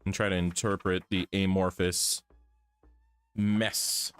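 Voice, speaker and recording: This art streamer, sounding tired and a little off, talks loosely with his live audience while drawing, musing aloud. His low voice barely shifts in pitch, moves slowly, and is a bit bright with a clean tone, over soft background music.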